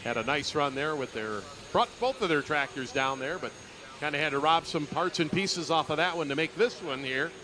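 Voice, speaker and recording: A man's voice: fairly high pitch, lively intonation, moderate pace, crowd noise. A man giving live commentary as a tractor pull announcer at an outdoor event. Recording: noisy outdoor event with vehicles. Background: engine and outdoor noise.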